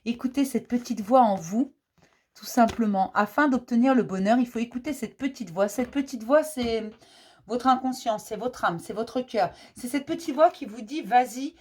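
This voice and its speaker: A woman hosts a daily spiritual card message in a gentle, reassuring tone. She addresses her viewers fondly and repeats her points on purpose. Her voice sits a little higher than average. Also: moderate pace, breathy edge. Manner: warmly addresses viewers as dear ones. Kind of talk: casual spiritual advice to viewers.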